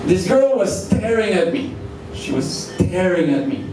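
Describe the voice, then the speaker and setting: A young man performing deadpan one-liners on a comedy club stage into a handheld mic, pausing before each punchline. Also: high-pitched, noisy background. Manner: deadpan, slow deliberate pauses before punchlines. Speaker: stand-up comedian. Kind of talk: live stand-up one-liners. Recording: roomy distant club sound with loud crowd.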